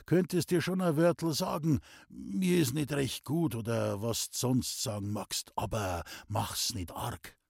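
Give me a man playing a sick old Bavarian man with a weak, husky, whispered voice. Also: mid-range voice, unhurried, hardly any pauses, a little mellow, no echo, studio quality. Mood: weak, pleading. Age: older. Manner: faint, whispering. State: weak, bedridden.

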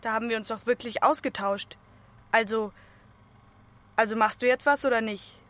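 A woman's voice: on the high side, steady tone, normal speed, a bit bright, natural voice. An actress playing a desperate woman who keeps urging someone to react, in an insistent, repetitive stage delivery. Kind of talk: stage monologue.

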